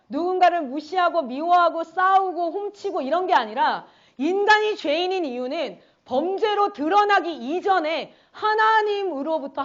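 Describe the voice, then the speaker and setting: A woman's voice: very high voice, lo-fi sound. A woman missionary giving a conference sermon, telling stories animatedly and acting out her students' voices. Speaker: missionary speaker.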